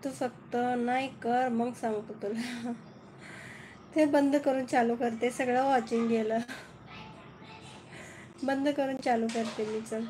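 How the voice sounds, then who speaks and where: A woman's voice: on the high side, steady tone, slow, long pauses, warm tone, slight background noise, poor audio. A woman from southern Maharashtra, chatting casually on a phone live stream and answering viewers one by one with frequent laughs. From Kolhapur, Maharashtra.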